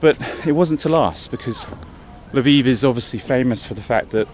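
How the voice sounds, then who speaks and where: This man from England is vlogging while trekking uphill outdoors, talking casually and musing aloud between slightly labored breaths. He speaks at an ordinary pace in a mid-range voice, with light street sounds in the background.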